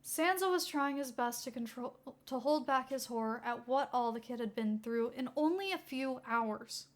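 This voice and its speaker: A woman's voice: high-pitched, animated, moderate pace. Woman reading her own fanfic aloud. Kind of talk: podfic narration.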